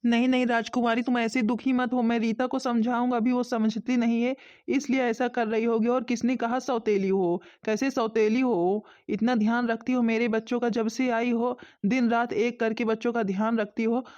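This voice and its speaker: A performer voicing a gentle middle-aged father in a cartoon, who talks slowly and soothingly. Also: very high-pitched, flat delivery. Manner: slow, soothing and pleading. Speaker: father character. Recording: dull lo-fi sound.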